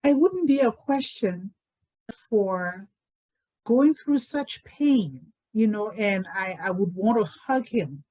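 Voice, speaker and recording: A woman, recalling her life in a reflective, unhurried way with many pauses. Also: mid-range voice, lively intonation, mellow, rough recording. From Liberia. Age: 60s. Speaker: interviewee telling her life story. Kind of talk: reflective personal storytelling.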